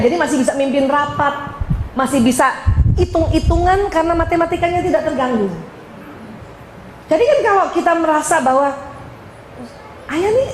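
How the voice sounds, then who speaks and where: A woman's voice: high-pitched, roomy sound, a little hiss or hum, rough recording. A woman from Indonesia giving a religious lecture to women, joking and speaking straight to her audience. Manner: lively, joking, addresses audience directly.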